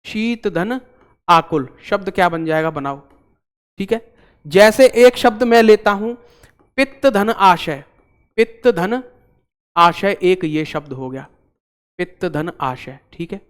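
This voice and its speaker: High, smooth-voiced male tutor. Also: expressive, takes it slowly, pauses often. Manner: chatty, repeats himself, joking asides to viewers. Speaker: teacher. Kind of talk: online exam-prep class.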